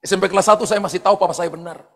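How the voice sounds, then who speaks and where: A pastor telling personal stories in a sermon, animated, often shouting out quoted lines and laughing as he goes. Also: high voice, rapid-fire, vocal fry. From eastern Indonesia. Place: large church hall. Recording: long hall reverb from church sound system.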